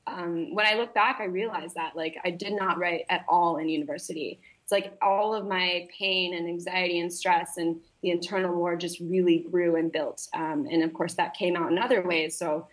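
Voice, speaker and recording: A woman's voice: lowish voice, fairly even intonation, normal speed, hardly any pauses. A young woman, a nutritionist guest, telling her personal story earnestly with many fillers and restarts. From grew up internationally, partly in Malaysia. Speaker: podcast guest, holistic nutritionist.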